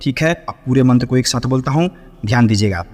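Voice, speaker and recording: A man teaching Vedic chanting, who explains pronunciation in quick bursts and then chants Sanskrit mantras slowly and melodically. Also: medium pitch, a little mellow, in a large hall. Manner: checks in often with short affirmations.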